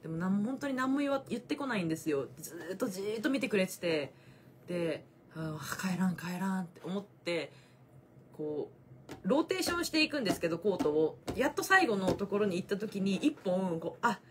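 Young Kansai woman, lively livestream chatter, animated delivery, phone mic. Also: mid-range voice, brisk, a little hiss or hum. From Osaka, Japan. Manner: lively, chatty, laughing and teasing. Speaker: volleyball player on a fan livestream. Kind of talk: casual livestream chat.

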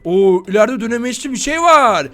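Fast, excitable high-voiced man. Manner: excitable, shouty, playful. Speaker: gaming channel host. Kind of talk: Minecraft role-play commentary.

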